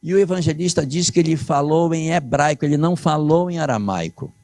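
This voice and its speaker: A man delivers a spiritist lecture, walking his audience through scripture and reading the passages with dramatic weight. His voice is dark and mellow, recorded dry and close. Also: on the high side, brisk, vocal fry, no room sound. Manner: expository, quotes scripture with dramatic emphasis.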